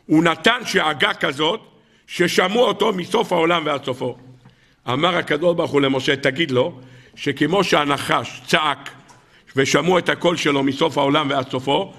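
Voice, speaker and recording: Gravelly, bright-voiced rabbi preaching. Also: male voice, fairly high pitch. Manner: dramatic storytelling preacher, rises to loud exclamations. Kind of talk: weekly Torah sermon.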